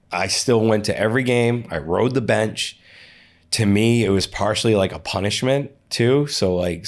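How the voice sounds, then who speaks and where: Low-voiced man telling stories with restarts. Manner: rambling, repeats words, many restarts. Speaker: interview guest, athlete and coach. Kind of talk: casual storytelling interview.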